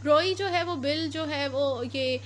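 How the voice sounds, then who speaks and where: A woman from Pakistan delivers a law lecture at a measured pace, her voice high-pitched with a faint hiss or hum. She explains things step by step and frequently pauses to correct herself.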